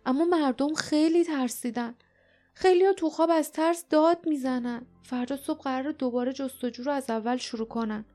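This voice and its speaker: A woman's voice: high voice, pitched above the performer's own voice, lightly acted. A woman voicing a scared, hesitant young girl. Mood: fearful. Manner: hushed, fearful, hesitant. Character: frightened young female city girl.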